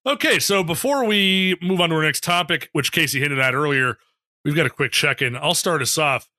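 Male podcast host, bright forward voice, breezy and jokey, casual chat, very dry sound. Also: a little high, a little fast, no echo. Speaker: podcast host leading segments.

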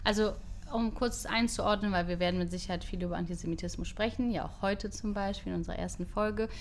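German-born woman co-hosting a podcast, lively and earnest, mid-pitch voice. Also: quick pace, a little hiss or hum. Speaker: podcast co-host. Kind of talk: casual podcast chat.

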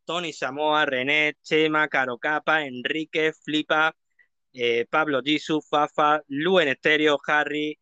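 A man's voice: a little high, fairly even intonation, unhurried, sharp tone, clean tone, no room sound, highs cut off. A man, co-hosting a live show in casual chat, playful and racing through long lists of names. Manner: playful, reads a long name list at speed.

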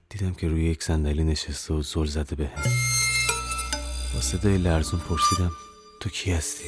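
A young man narrating his own horror audio novel in the first person, with dramatic, tense storytelling. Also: deep voice. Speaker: narrator and author.

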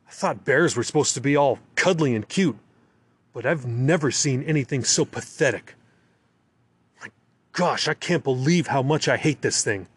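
A man's voice: medium pitch, expressive, normal speed, slightly rough, dry recording. A man giving an intense, bitter, emotional first-person story narration.

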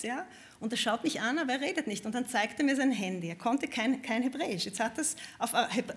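Animated Viennese woman telling stories. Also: fairly high pitch. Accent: Viennese German. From Vienna, Austria. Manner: animated, expressive, laughs often while telling stories. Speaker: musician guest. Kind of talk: lively anecdotal storytelling.

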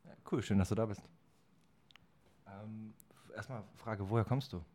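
A man hosts a relaxed podcast interview. His voice is very deep and dark. He hesitates often, filling gaps with ums. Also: normal speed. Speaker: podcast host.

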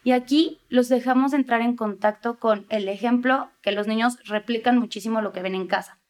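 A woman's voice: fairly high pitch, fairly even intonation, moderate pace. A woman, a child therapist explaining parenting in an interview, often acting out what parents and children say. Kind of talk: advice interview.

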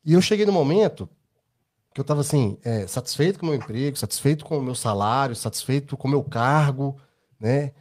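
A Brazilian man with a Brazilian Portuguese accent co-hosts a casual podcast chat, telling rambling personal stories packed with tag questions. His mid-range voice is animated, brisk, and a little mellow.

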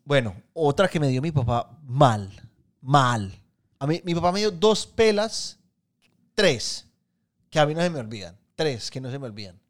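Unhurried and mid-pitched, this man co-hosts a podcast and chats casually in a Colombian Paisa accent. He tells stories in an animated, slang-heavy way and swears freely.

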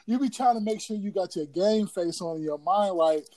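A man hosting a podcast in casual, slangy, profane frat-bro banter, excitable and quick to laugh. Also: high voice, no room sound. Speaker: podcast host.

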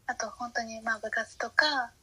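A woman's voice: on the high side, steady tone, moderate pace, bright, forceful tone, slightly rough. A woman in her late teens chatting casually and hesitantly, searching for her words. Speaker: guest looking back on high school. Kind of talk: casual chat.

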